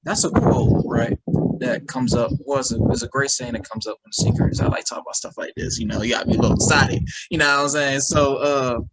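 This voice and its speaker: A man's voice: medium pitch, steady tone, a little fast, very noisy. A man hosting a podcast interview who asks eager, rambling questions and restarts his sentences. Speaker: podcast host.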